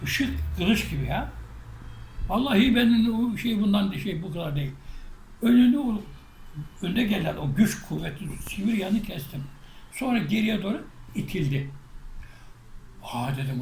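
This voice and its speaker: A man tells a story with lively animation, acting out shouts and quotes as a spiritual teacher. His voice is high and gravelly. The room is echoey, with a faint hiss underneath. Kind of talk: recounting a personal story.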